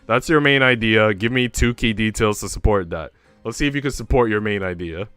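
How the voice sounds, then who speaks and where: Music plays in the background as a young American host chats with his stream audience from home. His voice is on the low side, brisk, a bit bright, clear and resonant, with no room sound, and his banter is informal, slangy and full of cursing.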